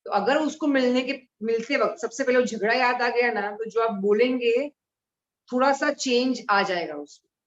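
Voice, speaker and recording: A woman's voice: a little high, moderate pace. Woman teaching in an echoey room. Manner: conversational, explains with everyday examples. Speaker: mudra therapy teacher. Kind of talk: live talk to a group. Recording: roomy and dull.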